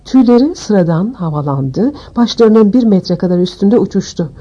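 A woman reading an audiobook aloud with expressive storytelling. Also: mid-range voice, normal speed, breathy edge, muffled recording. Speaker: audiobook narrator. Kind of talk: scripted audiobook narration.

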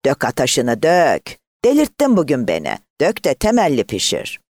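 A man voicing an irritable, sunburnt village farmer who curses gruffly and shouts, in a storybook reading. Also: mid-range voice, huge pitch swings, normal speed, no echo. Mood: shouting. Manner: gruff, cursing, shouts for shade.

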